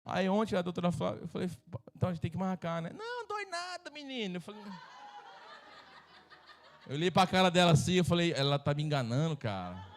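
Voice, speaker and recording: A man's voice: sits high, fairly quick, long pauses, slight background noise. A middle-aged Brazilian man preaching as a pastor at a church service, joking and acting out voices from his stories. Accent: Brazilian Portuguese. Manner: humorous, acts out quoted voices. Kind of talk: sermon.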